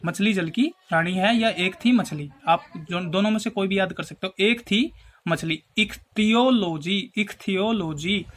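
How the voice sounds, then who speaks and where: A man's voice: high voice, a bit bright. Man teaching memory tricks. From Haryana, India. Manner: explains slowly, checks in with repeated "theek hai", addresses viewers as friends. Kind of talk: exam-prep lesson with memory tricks.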